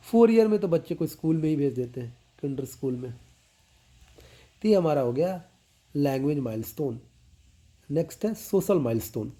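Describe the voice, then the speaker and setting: A man teaching as a medical exam tutor, explaining milestones with mnemonics and checking in after each point. He slows down and drops his voice to stress key terms. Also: fairly high pitch, mellow.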